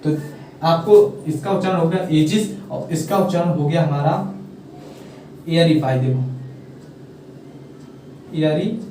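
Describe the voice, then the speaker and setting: A man teaching English pronunciation in a casual classroom style, repeating his questions and urging viewers to comment quickly. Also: a little high, mellow, slight background noise. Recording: very echoey room, mic at a distance.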